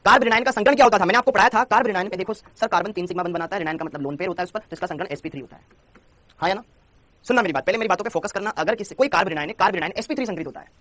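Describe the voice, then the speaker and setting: A man's voice: high voice, fairly bright tone, no room sound. A young man teaching a chemistry lecture, repeating points and coaxing his students to answer. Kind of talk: Hindi classroom lecture.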